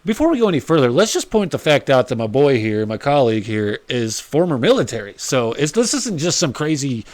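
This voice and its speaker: A man's voice: medium pitch, a little fast, dry recording. A man co-hosting a podcast, chatting casually about football and chiming in with agreement. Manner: animated, chimes in with agreement. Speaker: podcast co-host. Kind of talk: casual chat.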